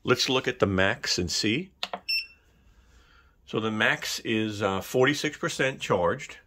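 A man's voice: fairly low pitch, lively intonation, slow pace, sharp tone. A man giving a casual tech product review, chatting straight to the viewer.

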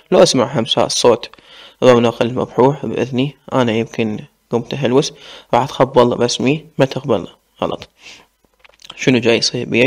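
Fast gravelly Iraqi storyteller man. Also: mid-range voice. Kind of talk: first-person story narration.

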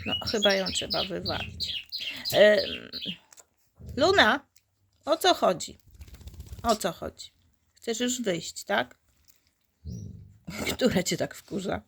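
A woman's voice: medium pitch, big pitch swings, slow, creaky, long pauses, fairly bright tone, a little hiss or hum. A woman, a dog breeder, chatting casually to her puppies in affectionate baby-talk, often dropping to a whisper. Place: indoors at a puppy pen.

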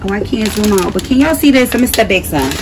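A woman with a medium-pitched, lively voice talks fast as she casually walks through a grocery haul in her home kitchen. She's a mother and home vlogger, picked up by a camera mic a short distance away, and the recording is clearly noisy.

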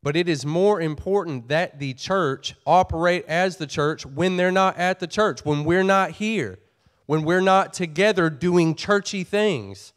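Pastor guy preaching real slow, kinda higher voice, folksy, keeps restarting his words. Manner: earnest, repeats words and restarts phrases; folksy phrasing. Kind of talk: sermon.

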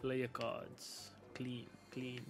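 Music plays behind a man who comments on a video game's menus in an extremely slow, totally flat, medium-pitched voice. He's a gaming YouTuber doing a relaxed walkthrough, slangy and easygoing, laughing a lot as he thinks aloud and talks to chat.

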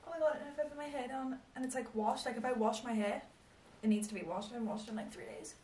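A woman's voice: on the high side, quick pace, a little mellow, slight background noise. A young South African woman vlogging in a bubbly, gushing way, talking to a small handheld camera. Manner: bubbly, gushing, lots of fillers. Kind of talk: casual chat to camera.

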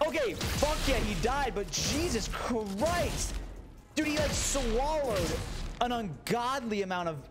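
Raging young male gamer, wildly swinging pitch. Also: expressive, slow. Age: young adult. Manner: raging gamer, yelling and swearing. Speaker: gaming streamer. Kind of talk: excited live gameplay commentary. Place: small bedroom. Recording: loud game gunfire and music.

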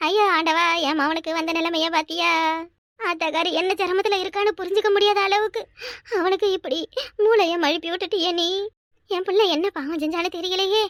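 A woman's voice: extremely high pitch, steady tone, a little fast, fairly bright tone, no echo, studio quality. A woman voicing a melodramatic old village grandmother in a cartoon, lamenting her fate. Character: wailing old village grandmother, dramatic and self-pitying. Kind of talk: cartoon family drama dubbing.

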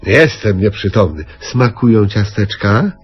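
Brief: a sly, deadpan joker, husky and slow, old radio-play sound. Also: male voice, lowish voice. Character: mischievous, deadpan middle-aged prankster man. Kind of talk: 1970s radio comedy acting. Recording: dull old radio recording.

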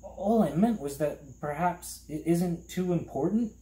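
Storybook boy voiced by a man: earnest, polite, hesitant, pitched up, roomy sound. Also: big pitch swings, measured pace, warm tone.

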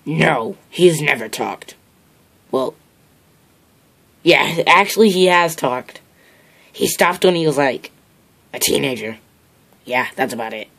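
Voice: mid-range voice, lively intonation, takes it slowly, gravelly, pauses often, a bit bright, full character voice. A performer voicing an irritable red bird leader in an improvised cartoon puppet show, grumbling casually and hesitantly. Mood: annoyed.

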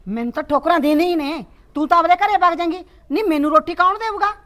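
A woman's voice: extremely high pitch, fast talker. A woman with a Punjabi accent playing a stern middle-aged mother who scolds her daughter. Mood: scolding. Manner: sharp, dismissive, scolding. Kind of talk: village drama acting.

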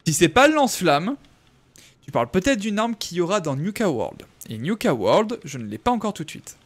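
A man's voice: high voice, big pitch swings, brisk. A young man casually commenting on his game live, thinking aloud and answering viewers in chat. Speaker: streamer.

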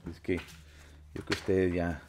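A young man with a Mexican Spanish accent talks in a very deep, low voice. He chats loosely and slangily as he unboxes films for a casual vlog. A faint hiss of noise sits behind him. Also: little pitch movement, moderate pace, darkish tone. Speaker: YouTuber unboxing movies.

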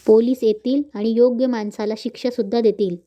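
A woman's voice: a little high, steady tone, a little fast, warm tone, natural voice. Woman reading as an accusing stern mother. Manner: accusing, insistent. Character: angry stern mother-in-law, middle-aged woman. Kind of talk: serial recap reading.

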